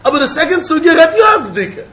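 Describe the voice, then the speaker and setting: Male Talmud teacher, Yiddish accent, very high voice, insistent and repetitive, recorded in an echoey room with faint noise. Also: very animated, a little fast, bright, forceful tone. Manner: insistent, repeats phrases. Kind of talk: informal religious lesson, explaining and questioning.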